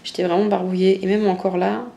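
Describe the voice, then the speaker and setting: A woman's voice: medium pitch, little pitch movement, fast, gravelly, mellow. A woman vlogger recounting things casually, in a candid and colloquial way. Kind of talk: casual chat, personal recounting. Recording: faint background noise.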